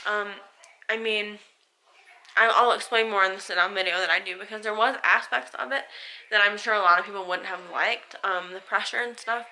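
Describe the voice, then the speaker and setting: A woman's voice: medium pitch, bright, forceful tone, a little hiss or hum, rough recording. An American woman vlogger chats casually and candidly to camera, rambling a little, with a sore, swollen mouth after dental surgery. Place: at home.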